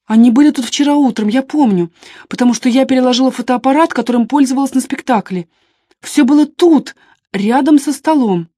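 A woman's voice: fairly high pitch, normal speed, mellow, no room sound, studio quality, close to an everyday voice. A woman voicing an anxious young female photographer in an audiobook, speaking in an agitated, emphatic way. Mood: insistent. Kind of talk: audiobook character reading.

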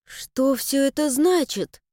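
A woman voicing Mila, a stubborn young village girl, with a high, indignant, pleading delivery in an audiobook. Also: expressive, slow pace, warm tone, no room sound, clean studio sound. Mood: bewildered. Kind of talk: audiobook character voice.

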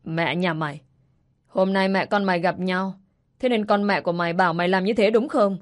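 A woman's voice: fairly low pitch, expressive, fairly quick, close to an everyday voice. A woman voicing a harsh stepmother who sneers and hurls insults at a child in a storybook reading. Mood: spiteful.

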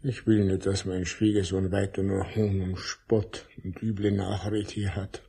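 A sad, broken old puppeteer speaks with a southern German accent. His voice is husky and unhurried, with the resigned weariness of a radio drama elder. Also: deep voice, level tone, dark tone, heavily acted. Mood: weary, resigned.

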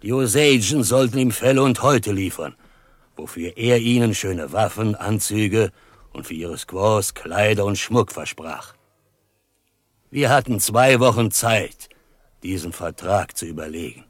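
In a German radio drama, a male actor with a lowish voice plays Matoshako, a dignified Osage chief telling of past deceit. He speaks at a measured pace with no room sound, in a solemn, ceremonious, declamatory storyteller's manner as he recounts events.

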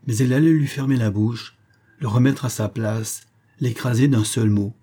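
A man reading a classic romantic story aloud in a measured, expressive way. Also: medium pitch, breathy edge. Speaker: audiobook narrator. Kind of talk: scripted narration of a classic story.

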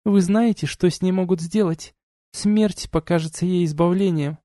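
A man reading an audiobook and voicing a cold, scornful noble duchess who lectures in a measured, sarcastic way. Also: sits high, mellow, dry recording, clean studio sound, natural voice.

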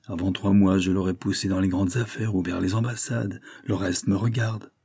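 A man's voice: sits low, steady tone, normal speed, creaky, a little mellow, slightly rough, dry recording, clean studio sound, exaggerated voice. A man voicing a scheming, proud young society widow in an audiobook, speaking in a brooding monologue.

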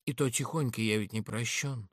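A man's voice: medium pitch, moderate pace, no echo, studio quality, close to an everyday voice. A man voicing a bold, charming nobleman and seducer in a dramatic reading of a verse play, cocky and offhand.

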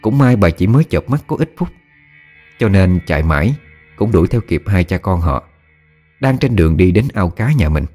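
A man calmly narrating a scripted ghost story. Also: low-pitched, moderate pace, soft background music.

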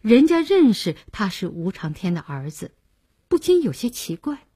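Brief: female audiobook narrator, husky, expressive, lively melody. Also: mid-range voice, moderate pace. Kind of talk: scripted novel narration.

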